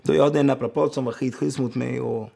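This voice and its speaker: His voice is gravelly and dark, medium in pitch with fairly even intonation, as the ex-footballer recounts streetwise stories in a casual interview. "Förstår du vad jag menar" comes up again and again as he checks the listener is with him.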